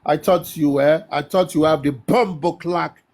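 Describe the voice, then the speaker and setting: Guy on a live chat, kinda high voice, keeps restarting his sentences. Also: steady tone, normal speed, darkish tone. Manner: stumbling, repeats himself, emphatic. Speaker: guest.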